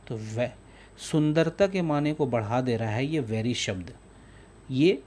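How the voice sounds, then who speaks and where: Man, English teacher, grammar lesson, very slow careful delivery, patient explaining, native Hindi speaker. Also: mid-range voice, a little mellow.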